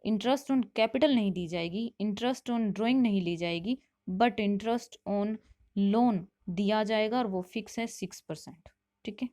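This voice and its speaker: A woman at a middle pitch teaches commerce for exam preparation. She reads each English question slowly and carefully, then explains the answer at a quicker clip. Her tone is patient and runs step by step. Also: dark tone. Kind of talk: exam-prep lesson explaining multiple-choice questions.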